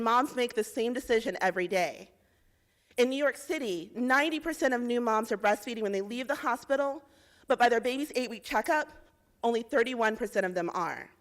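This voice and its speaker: A young woman from Indiana presents a rehearsed policy pitch in a slightly high voice. She lays out facts and figures in a clear, measured, persuasive way.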